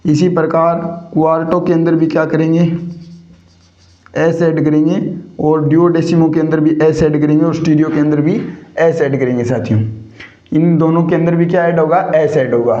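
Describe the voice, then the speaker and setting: Guy teaching grammar, high voice, keeps asking "what happens?", echoey dull recording. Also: level tone, normal speed, warm tone. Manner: repeats rhetorical questions to students. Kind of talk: classroom lecture. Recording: echoey dull lo-fi room sound.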